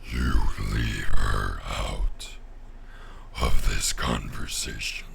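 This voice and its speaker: A man voicing a menacing, embittered dragonborn with a slow, growling, gravelly dragon voice in a tabletop game. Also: rumbling low, background noise, pitched below the performer's own voice, full character voice. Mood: angry, demanding.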